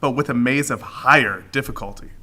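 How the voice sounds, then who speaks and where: A man's voice: medium pitch, a little fast, pushed and bright. A man co-commentating a live competition stream in a casual, chatty way, also reading out rules. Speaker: livestream co-commentator.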